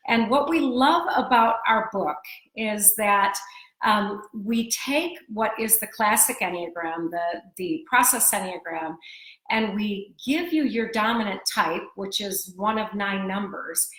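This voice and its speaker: Woman, co-author, live stream, teaching tone, echoey room, mid pitch. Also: unhurried, fairly bright tone. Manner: explanatory, teaching tone. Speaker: co-host and author. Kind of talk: live-stream book discussion. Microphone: live video stream. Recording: roomy echo.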